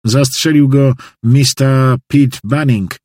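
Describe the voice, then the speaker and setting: A man's voice: mid-range voice, fairly even intonation, takes it slowly, a little mellow, no echo, studio quality, pitched above the performer's own voice. A man voicing a frightened church janitor who talks in a raised, earnest, insistent voice.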